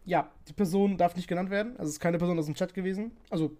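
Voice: mid-range voice, very fast, mellow. A podcast host and streamer in casual chat, rambling with many fillers and laughing often.

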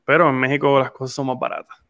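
A twenty-something podcast host from Puerto Rico speaks fast in a mid-range, bright, forceful voice with a level tone. His casual chat, accented with Puerto Rican Spanish, rambles along with many restarts and fillers.

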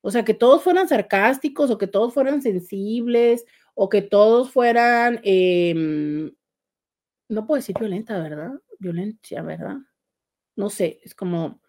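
A woman's voice: mid-range voice, moderate pace, a little mellow. A Mexican woman, a couples therapist, chatting casually on a live stream, reading out viewer comments in a playful, sarcastic way and laughing often.

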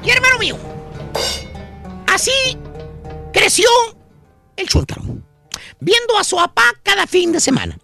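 A man's voice: very high-pitched, huge pitch swings, a little slow, creaky, long pauses, sharp tone, faint music behind, full character voice. A man voicing a cartoonish, teasing gossip storyteller with a Mexican accent, in slangy Chicano-style Spanish peppered with English, for a comic radio bit. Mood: teasing, excited.

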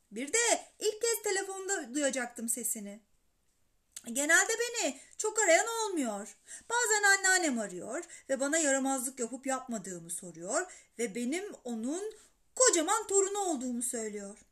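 High, bright woman narrating a kids' story, very lively delivery. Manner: animated and expressive. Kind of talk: children's story reading.

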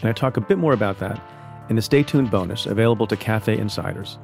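A middle-aged man from India hosting a podcast, explaining news in a measured way and interviewing a guest. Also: fairly low pitch, creaky, a little mellow, soft background music. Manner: measured, explanatory, reads ad copy. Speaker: podcast host.

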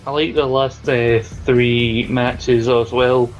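A man's voice: medium pitch, level tone, takes it slowly, muffled recording, faint music behind. A man giving opinions in a casual wrestling podcast chat, loose and conversational. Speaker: podcast panelist.

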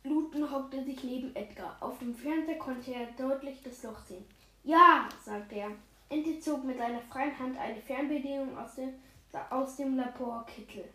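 High-voiced woman reading a children's book. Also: moderate pace, mellow, roomy sound, poor audio. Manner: unscripted slips and restarts. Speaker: reader.

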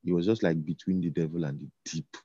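A man speaks in a very low, mellow voice, stopping and restarting his phrases with lots of ums. The sound is dry and a little dull, like a lo-fi recording. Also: steady tone, slightly rough, no room sound. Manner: halting, repeats words, many fillers. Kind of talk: casual conversation.

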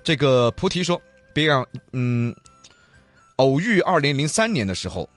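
A man's voice: medium pitch, big pitch swings, normal speed, soft background music. A male talk show co-host with a Sichuanese accent, joking colloquially and reading out listener stories in a casual way.

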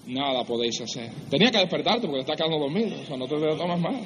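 A man preaching a sermon who acts out pleading prayers in a higher voice and drops low and slow to drive points home. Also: animated, a bit bright, big-room sound, slight background noise. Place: church.

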